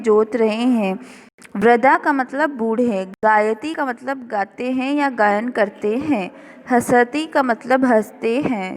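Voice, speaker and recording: A woman teacher explaining a revision lesson slowly and carefully, word by word. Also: on the high side, in a large hall. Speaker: school teacher. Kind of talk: recorded classroom revision lesson.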